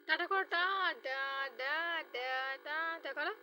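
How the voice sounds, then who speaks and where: A woman's voice: high-pitched, slow, bright, forceful tone, faint music behind. A woman talking to a baby in coaxing, sing-song baby talk, repeating short words over and over.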